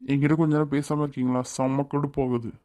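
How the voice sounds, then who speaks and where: Cartoon role: woman doing a grumpy young businessman, lowish dark mellow voice, irritable. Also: flat delivery, fast talker, natural voice. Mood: irritated. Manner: irritable, offhand, dismissive. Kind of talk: cartoon voice acting.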